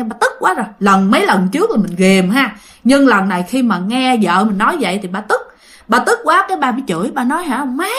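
A woman's voice: a little high, a bit bright. A woman telling a ghost story in a chatty way, addressing listeners directly. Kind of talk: casual ghost story narration.

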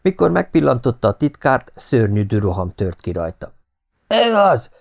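A man narrating an audiobook in a steady, measured reading voice. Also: fairly low pitch, gravelly.

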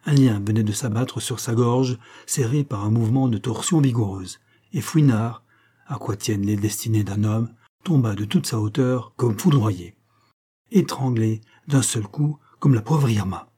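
Un homme qui lit un roman policier en livre audio, d'un ton dramatique et vivant. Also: male voice, medium pitch, unhurried, warm tone, husky. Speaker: audiobook reader. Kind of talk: audiobook narration of a crime novel.

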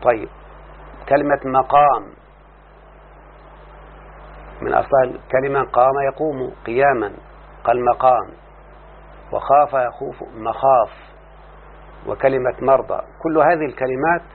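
A man with an Egyptian accent teaching a classroom lesson, explaining slowly and often checking that his students follow. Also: medium pitch, steady tone. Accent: Egyptian Arabic. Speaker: teacher of Arabic morphology. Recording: tinny lo-fi line with faint hum.

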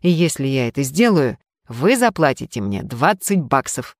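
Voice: medium pitch, big pitch swings, moderate pace, a little mellow, no room sound, clean studio sound, voice pushed down. Narrator voicing a cocky patrolman. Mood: confident. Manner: cocky then apologetic. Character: sheepish confident male patrolman.

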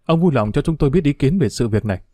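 A man voicing a calm, measured male police detective captain. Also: mid-range voice, dry recording, close to an everyday voice. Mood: calm formal.

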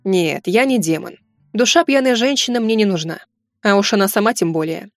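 A woman voicing a confident young male university lecturer who speaks slowly and calmly, with a dry, mocking edge. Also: mid-range voice, no echo, faint music behind, natural voice. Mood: calm teasing.

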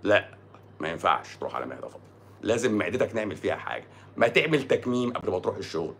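A man's voice: fairly low pitch, very animated, very fast, a bit bright, a little hiss or hum. A man with an Egyptian accent, a doctor answering viewer comments on a live stream in a sarcastic, mocking way. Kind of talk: casual live-stream talk.

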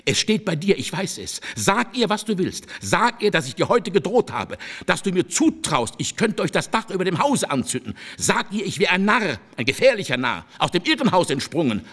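A man's voice: sits high, very animated, moderate pace, few pauses, fairly bright tone, pitched above the performer's own voice, full character voice. A man reading the part of an aging, bitter and passionate male seducer in an audiobook, declaiming and insistent.

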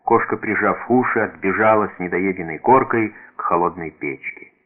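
A man narrating a literary story in a measured, low-key way for radio. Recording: tinny radio broadcast.

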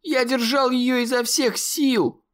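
A frightened young boy pleads in a strained, raised voice, as a male narrator acts him out. His pitch jumps up high on every line. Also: expressive, slow. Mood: desperate.

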